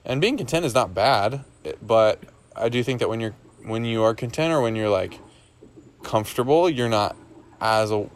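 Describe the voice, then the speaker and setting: A man's voice: mid-range voice, lively intonation, normal speed. A young man in casual podcast chat, thinking aloud and rambling with many fillers and restarts.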